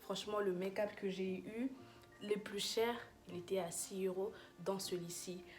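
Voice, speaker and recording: A young woman rambles happily through a makeup review, stumbling and restarting as she gushes. Her voice sits at an ordinary pitch, and faint music plays softly behind her. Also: fairly even intonation, moderate pace. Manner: chatty, gushing, many fillers and restarts. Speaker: beauty vlogger. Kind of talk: casual makeup review vlog.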